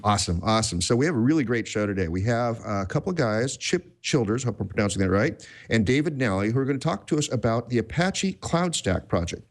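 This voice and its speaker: A man's voice: medium pitch, lively intonation, quick pace, few pauses. A man hosting a tech podcast in casual chat, rambling and self-deprecating, with many restarts. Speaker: podcast host.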